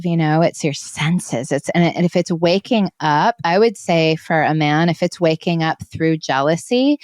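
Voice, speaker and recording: Hawaii-raised woman on a podcast, lowish voice, dry close mic, lots of um and like. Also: no echo. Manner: searching, halting phrasing with many fillers. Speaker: podcast co-host. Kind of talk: casual conversation.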